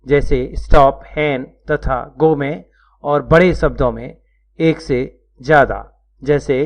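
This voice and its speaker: Slow, measured man explaining pronunciation. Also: fairly high pitch. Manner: slow, measured, spelling out letters one by one. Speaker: teacher. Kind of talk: scripted lecture narration. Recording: dull lo-fi recording.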